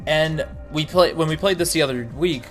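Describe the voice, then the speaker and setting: A man co-hosting a casual gaming podcast, talking in an animated way and jumping into quick quotes. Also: fairly high pitch, soft background music. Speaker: podcast co-host.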